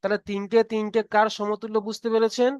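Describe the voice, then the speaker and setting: A man leads an online reading lesson, patiently repeating each point and asking whether everyone has understood. His voice sits high and sounds clear. The sound is dry and close to the mic. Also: little pitch movement, fast talker, no room sound, dull audio. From Bengal. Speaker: Quran reading teacher. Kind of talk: online tutoring class.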